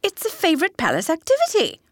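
A woman's voice: very high voice, wildly swooping pitch, fast talker, no echo, studio quality, heavily acted. An actress playing a prim, dramatic female palace etiquette tutor who gives instructions theatrically. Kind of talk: audio drama acting.

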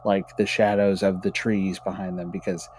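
Rambling, low-voiced man. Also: flat delivery, moderate pace, darkish tone, a little hiss or hum. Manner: rambling, with many fillers and restarts. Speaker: podcast co-host. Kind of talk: casual chat and reading spooky stories.

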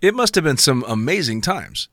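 A man's voice: fairly high pitch, sing-song, moderate pace, fairly bright tone, no echo, clean studio sound. A man hosting a podcast, interviewing casually with rambling, wordy lead-ins to his questions. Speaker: podcast host.

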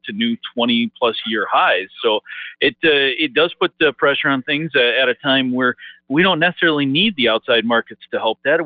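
A man's voice: medium pitch, no room sound. Role: market analyst on the phone. Sex: man. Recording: dry, tinny phone line. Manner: halting, many fillers and restarts. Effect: heard over the phone. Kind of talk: market commentary interview. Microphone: telephone.

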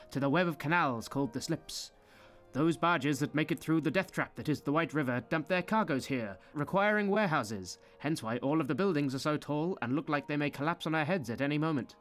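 A man's voice: on the high side, animated, fairly quick, a bit bright, soft background music. A man playing Fingerless Piot, sardonic guide. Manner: theatrical, sardonic, relishing grisly details. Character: sly grim male city tour guide with hooks. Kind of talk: scripted fantasy narration.

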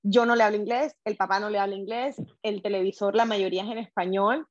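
Mom chatting on a call, medium pitch, lo-fi dead-dry sound. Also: female voice, fairly even intonation, fast, no room sound. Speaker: mother, panelist. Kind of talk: casual conversation. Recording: dull dry audio.

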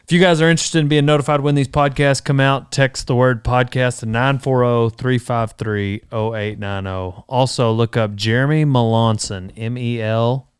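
A man's voice: medium pitch, steady tone, moderate pace, hardly any pauses, clean tone, no room sound, studio quality. A man hosting a podcast in a casual, conversational style. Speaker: podcast host.

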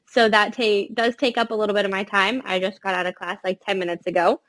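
A young adult woman giving casual interview answers in an upbeat, earnest way, speaking from a quiet room. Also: medium pitch, steady tone, fast. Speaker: podcast guest, family farm-consulting business co-runner. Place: quiet space in a college library.

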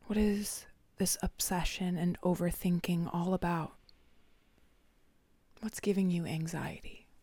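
Slow, flat, half-whispering woman meditation guide. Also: fairly low pitch, husky, no room sound. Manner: soft, half-whispered, soothing delivery with long pauses.

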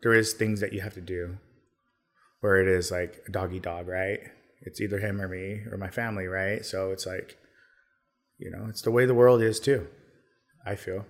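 A man talking casually as a podcast guest, relaxed and rambling with lots of fillers. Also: low-pitched, moderate pace, long pauses. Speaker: podcast guest, business owner. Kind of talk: casual conversation.

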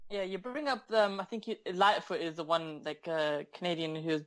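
A man's voice: on the high side, normal speed. A man co-hosting a casual podcast, telling stories with lots of giggling. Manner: giggly, animated storytelling. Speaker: podcast co-host. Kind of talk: casual chat.

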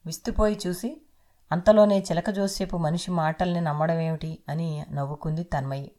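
A woman narrating an audio novel in a steady, literary storytelling manner. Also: sits low, normal speed.

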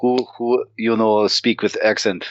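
A man's voice: fairly low pitch, unhurried, no room sound, highs cut off, lightly acted. A man putting on a blunt broken-English adventurer. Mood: deadpan. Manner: clipped broken grammar, deadpan jokes.

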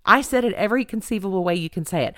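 A woman's voice: medium pitch, rapid-fire, fairly bright tone, dry recording, studio quality. A middle-aged woman hosting a self-help podcast, talking emphatically and telling stories with animation. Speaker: podcast host.

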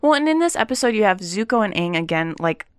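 A woman co-hosting a relaxed discussion, offering casual analysis in conversational phrases. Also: mid-range voice, fast talker, smooth, no echo, studio quality. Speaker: podcast co-host.

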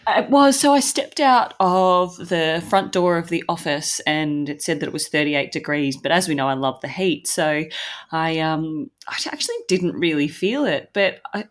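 An Australian woman co-hosting a podcast in lively, casual chat, her voice congested from hay fever. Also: deep voice, normal speed. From Sydney, Australia. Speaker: podcast co-host.

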